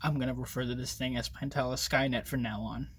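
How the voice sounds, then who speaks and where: A young man giving a casual spoken book review, rambling and excitable, swearing often and trailing off with fillers. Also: medium pitch, fast talker, a little hiss or hum.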